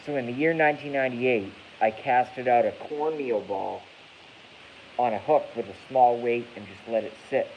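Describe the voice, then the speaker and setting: A man in his thirties from Massachusetts, a YouTube streamer, rants casually and profanely on a live stream, wandering from point to point and correcting himself often. His mid-range voice moves at a moderate pace through dull lo-fi audio carrying a faint hiss.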